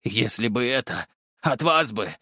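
A man voicing a desperate middle-aged nobleman and father, shrill and emotional, in an audiobook. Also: animated, measured pace, sharp tone, husky, no echo, studio quality, heavily acted. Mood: agitated. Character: distraught middle-aged nobleman father, furious then begging.

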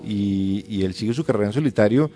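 A male radio host in casual on-air chat, talking in quick restarts and animated asides. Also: fairly low pitch.

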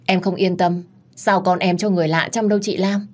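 A woman's voice: fairly low pitch, steady tone, brisk, darkish tone, lightly acted. A woman voicing a whiny, tearful young pregnant woman who accuses and pleads. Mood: whiny, accusing.

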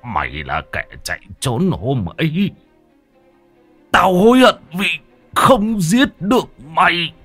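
A man's voice: low-pitched, lively intonation, measured pace, fairly bright tone, soft background music, pitched below the performer's own voice, exaggerated voice. A man voicing a wounded old village chief who stammers grimly in a storybook tale. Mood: strained. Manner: stammering, grim and strained.

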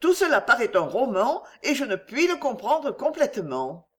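Reading an audiobook, a man puts on an exaggerated, extremely high voice well above his own to play an anxious, grateful French countess. He's very animated, fairly bright in tone, moderately paced, and earnest and pleading.

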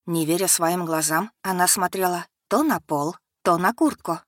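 A woman narrating a first-person novel in a measured, expressive reading. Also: fairly low pitch, no echo, clean studio sound. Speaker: audiobook narrator.

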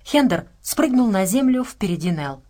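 Женщина, чтица аудиокниги, размеренно, ровная подача. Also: female voice, medium pitch, big pitch swings, normal speed, mellow. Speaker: audiobook narrator. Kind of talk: scripted narration.

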